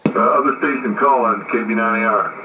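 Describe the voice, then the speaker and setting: A man's voice: medium pitch, fairly quick. A man chatting on the air as a ham radio operator, heard through a slightly off-tune radio receiver, easygoing and rambling with fillers. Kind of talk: casual on-air radio chat. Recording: tinny radio line from far off with light static.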